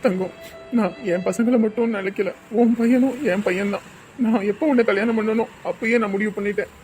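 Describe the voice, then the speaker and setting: A woman speaking gently and earnestly in an amateur family drama. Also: on the high side, a little hiss or hum.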